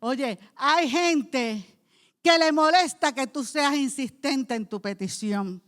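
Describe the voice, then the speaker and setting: A woman pastor preaching a sermon in church, impassioned, moving from soft speech to loud cries. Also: high-pitched.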